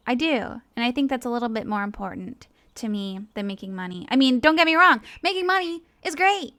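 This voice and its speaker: In a dry recording, a woman with a fairly high, slightly bright voice talks informally and earnestly as an online animator and video creator. Her personal monologue wanders, with frequent hesitations and self-interruptions.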